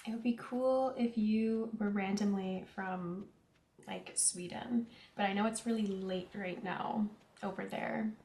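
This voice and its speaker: A woman's voice: mid-range voice, steady tone, unhurried, a little mellow, roomy sound. A young woman from Canada with a central Canadian accent, chatting casually with her viewers while playing a farming game. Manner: chatty, reads chat aloud, giggly asides. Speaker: streamer. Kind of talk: casual gameplay chat.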